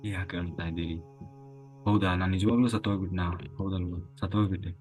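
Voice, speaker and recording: A man voicing the ghost of a dead man who laments his lost body and family in a soft, quiet voice. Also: lowish voice, a little fast, soft background music, lightly acted. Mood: lamenting.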